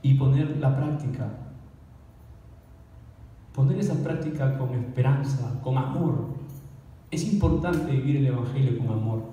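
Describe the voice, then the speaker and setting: A man gives a sermon in an easy, conversational way, often turning questions to his listeners. His voice is deep and mellow, and it comes from some distance away in a hall with a long, booming echo. There is a faint murmur of room noise behind him. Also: unhurried, pauses often. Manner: conversational preaching with rhetorical questions to the congregation. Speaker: pastor. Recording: echoey hall, voice from afar.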